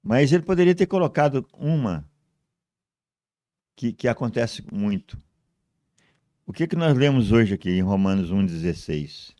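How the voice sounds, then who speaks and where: A man's voice: mid-range voice, very animated, a little slow, pauses often, mellow, no room sound, clean studio sound. A male pastor hosting a church talk show, explaining in a teacherly way with many hesitant restarts. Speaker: pastor and host. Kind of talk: preaching-style talk show chat.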